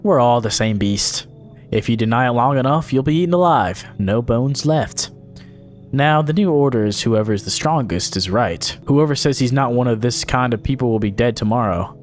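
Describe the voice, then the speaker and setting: Male streamer doing a cynical doom-preaching stranger, ominous and slow. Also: mid-range voice, faint music behind, natural voice. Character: menacing cynical man preaching chaos.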